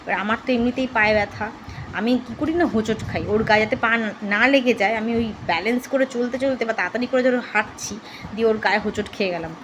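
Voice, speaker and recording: A woman vlogging at home who coos to her pet dog in high baby talk, then chats casually about it. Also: racing. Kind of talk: casual vlog chat. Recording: noisy home recording.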